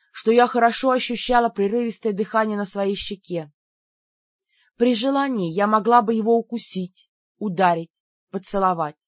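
A woman's voice: medium pitch, no echo, dull audio. A woman narrating a first-person fantasy audiobook dramatically, speaking the heroine's cold commands herself. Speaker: audiobook reader.

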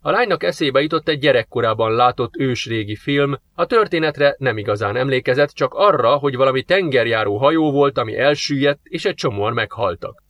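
A man narrating a science-fiction novel as an audiobook reader, in measured storytelling. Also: mid-range voice, expressive, fairly bright tone, no echo. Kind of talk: scripted narration.

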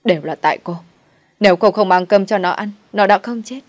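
Storybook mother-in-law, older woman, harsh and grief-stricken, scolds loudly and wails, put on by a low-voiced woman narrator. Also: fairly even intonation, a little fast, no echo, natural voice. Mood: furious. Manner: scolding, wailing.

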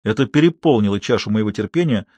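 Male audiobook narrator, expressive, lively pitch, dry close mic. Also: quick pace, no echo. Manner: expressive, indignant in dialogue. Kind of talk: first-person audiobook narration.

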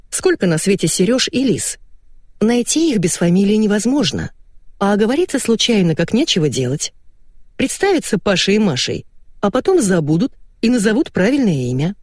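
A man's voice: high-pitched, very animated, moderate pace, darkish tone, no echo, clean studio sound. Woman reading as a hot-headed cheated man. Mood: indignant. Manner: snapping, indignant. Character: hot-headed swindled man, grumbling, impatient.

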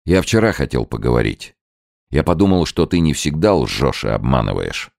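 A man's voice: very deep voice, sing-song, moderate pace, gravelly, darkish tone, no echo, clean studio sound, full character voice. A man voicing a stern young hunter who talks bluntly and makes demands. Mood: demanding.

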